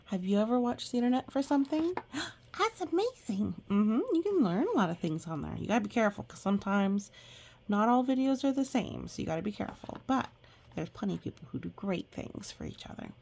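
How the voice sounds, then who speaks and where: Speaking in a mid-range voice with vocal fry, a woman reads a picture book aloud a little fast and very animated. She adds chatty asides, reacts expressively, and explains things gently, as if young children were listening.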